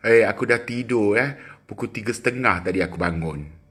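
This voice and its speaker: A middle-aged man with a Malaysian accent, chatting casually with viewers on a phone livestream, teasing and quick with asides. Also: fairly low pitch, fairly bright tone, husky. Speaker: livestream host. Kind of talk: casual live chat with viewers.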